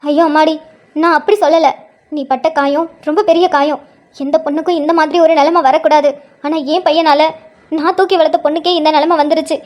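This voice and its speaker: A woman voicing an older grandmother and mother-in-law who speaks softly and sorrowfully, full of guilt. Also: high voice, level tone, fairly quick, natural voice. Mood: pleading. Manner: soft, pleading and sorrowful. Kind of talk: cartoon drama voice acting.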